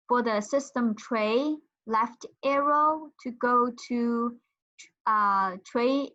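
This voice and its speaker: A woman's voice: fairly high pitch, fairly bright tone. A woman giving a casual tutorial demonstration, thinking aloud with some hesitation. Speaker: instructor. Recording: dull lo-fi audio.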